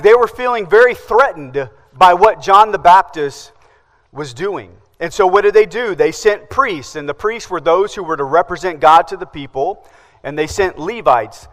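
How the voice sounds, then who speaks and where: A man's voice: high-pitched, a bit bright, long reverb tail. A man preaching a sermon as pastor, asking the congregation questions and answering them himself.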